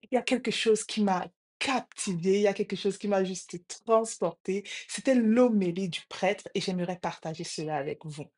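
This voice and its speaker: A woman's voice: mid-range voice, moderate pace, a little mellow. A woman vlogging from her sister's home, telling a story to viewers with enthusiasm and many fillers.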